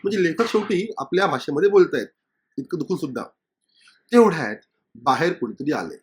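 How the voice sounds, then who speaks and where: High-voiced male Marathi teacher. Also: expressive, a little fast. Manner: reads passages aloud, acting out dialogue lines. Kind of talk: explaining a Marathi lesson to students.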